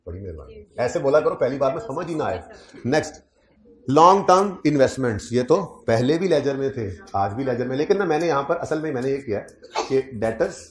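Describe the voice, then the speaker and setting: A man's voice: medium pitch, animated, a little fast. A man giving an accounting lecture, quizzing students on figures and adding teasing asides. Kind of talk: classroom lecture.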